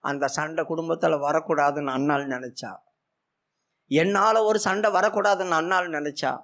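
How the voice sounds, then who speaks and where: A man's voice: a little high, steady tone, moderate pace, a bit bright. A man preaching a sermon, retelling a scripture story with emphatic repetition.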